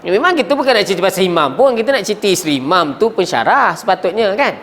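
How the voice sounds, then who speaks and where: A Malaysian man teaching a class with a high, light voice and a Malaysian Malay accent. He keeps putting questions to his students and sometimes trails off mid-word. Faint hiss sits under the classroom recording. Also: expressive, quick pace, fairly bright tone. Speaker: Arabic grammar teacher. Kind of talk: classroom lesson.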